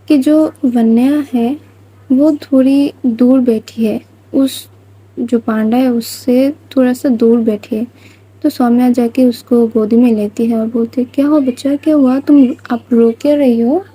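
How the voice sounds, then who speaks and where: A woman narrating a love story in a loose, rambling way, with a husky, dark voice. She talks slowly and sits close to a dry mic with no room sound. Her pitch sits a little high. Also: no room sound, rough recording. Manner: plain, rambling retelling with fillers.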